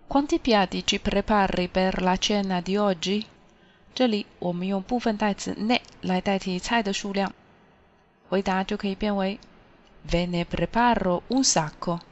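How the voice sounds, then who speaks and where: Woman, language teacher, clear step-by-step explaining, mid pitch, dull lo-fi recording.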